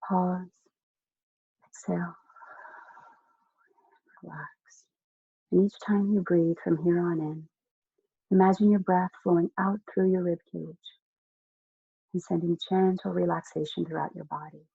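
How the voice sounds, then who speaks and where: A hypnotist guiding a listener through slow, soothing relaxation, giving soft instructions with long pauses. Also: medium pitch, steady tone, gravelly, breathy edge, dry recording, phone-quality sound. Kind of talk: guided relaxation hypnosis script.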